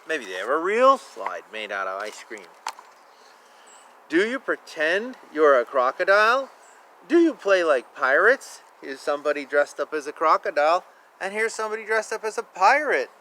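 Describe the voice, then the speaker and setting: Bright and pushed, a man's fairly high, sing-song voice moves at a moderate pace as he reads a picture book aloud to young children outdoors. He's chatty and playful, with exclamations, asides, and words stretched for emphasis, over faint outdoor ambience.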